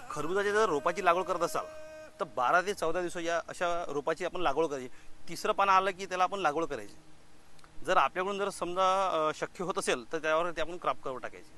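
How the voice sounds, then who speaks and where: A man with a high, bright voice talks fast, walking listeners through how to grow a crop. He sounds earnest and practical, and he often stops on "uh" and restarts mid-sentence. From India. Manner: earnest, with frequent "uh" fillers and restarts. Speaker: crop advisor. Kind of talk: informal farming advice talk.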